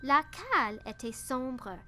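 A woman reading a children's story aloud, slow and careful. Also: high voice, very animated, background noise. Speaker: narrator.

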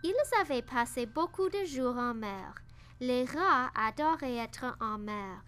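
A woman reading a children's story aloud, slow and careful. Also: fairly high pitch, lively intonation, a bit bright. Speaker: narrator.

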